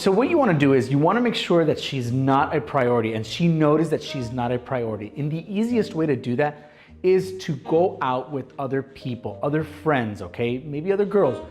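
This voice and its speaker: A man's voice: mid-range voice, a little mellow. A man in his thirties hosting a casual dating advice vlog, blunt and bro-ish, who keeps asking "okay?" and calling his viewers "guys". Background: faint background music.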